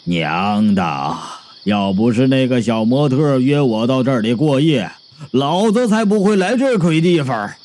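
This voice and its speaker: A man's voice: mid-range voice, animated, unhurried, a little mellow, voice pushed down, natural voice. A man voicing a crude, grumbling man who mutters coarse curses to himself.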